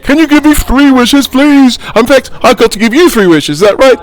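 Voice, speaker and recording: An actor playing a boisterous male genie trapped in a lamp, calling out in a loud, high, theatrical pantomime voice. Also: animated, normal speed, low-quality recording. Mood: pleading. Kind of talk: pantomime character voice.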